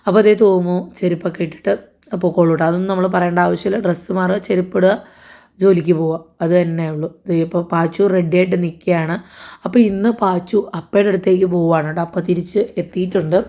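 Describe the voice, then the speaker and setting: A young woman with a hoarse voice and a blocked nose, narrating her day in a casual family vlog. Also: lowish voice, fairly even intonation, fast talker, dark tone. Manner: chatty, rambling daily-life narration. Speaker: family vlogger.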